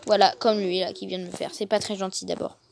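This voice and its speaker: A woman giving casual gameplay commentary, excitable and fretful, thinking aloud to her viewers. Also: medium pitch, fast, creaky. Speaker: gaming video host. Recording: noticeable background noise.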